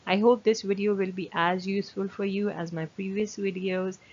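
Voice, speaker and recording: A woman with a bad cold and a nasal voice hosts her video channel and explains a topic step by step, calm and methodical. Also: medium pitch, moderate pace. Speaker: channel host. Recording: dull lo-fi sound with faint hiss.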